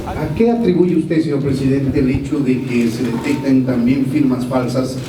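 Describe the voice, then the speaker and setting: A man's voice: mid-range voice, fairly even intonation, normal speed, far from the mic. A man asking a formal question as a reporter at a press conference. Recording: echoey room from afar, noisy.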